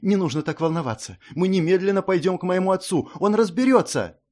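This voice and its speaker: A man's voice: sits high, expressive, brisk, a little mellow, voice pushed up. A man voicing an earnest young lord who speaks eagerly and with agitation. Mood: pleading.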